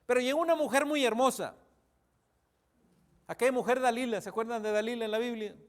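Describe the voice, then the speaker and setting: His voice very high and his pace fairly quick, a pastor preaches emphatically. He keeps calling out to the congregation, with sudden falls into hushed tones.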